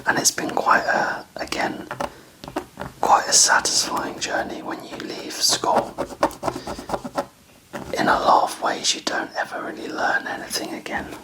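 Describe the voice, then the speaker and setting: A person whispering a casual, self-deprecating ASMR ramble in a breathy, unvoiced voice, musing in a chatty way. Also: measured pace, long pauses, poor audio. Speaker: ASMR video creator.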